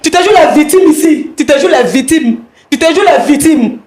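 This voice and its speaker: Woman, high-pitched, accusing, insistent repeated questions, heated confrontation, echoey room. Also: animated, moderate pace, a little mellow, slight background noise. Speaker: wife confronting her husband on a mediation show.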